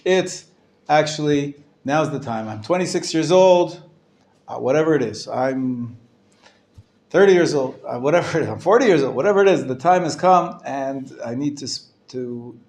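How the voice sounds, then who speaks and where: A man's voice: a little high, animated, a little mellow. A man teaching a live class as a rabbi. He speaks informally and hesitantly, often restarting, asks and answers his own questions, and uses Hebrew religious terms. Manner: hesitant, halting delivery with frequent restarts.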